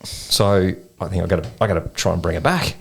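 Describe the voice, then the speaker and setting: A man with an Australian accent telling a long story in a rambling, animated way, full of slang, as a podcast co-host. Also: sits low, fairly quick, gravelly. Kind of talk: casual storytelling chat. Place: in-person podcast recording.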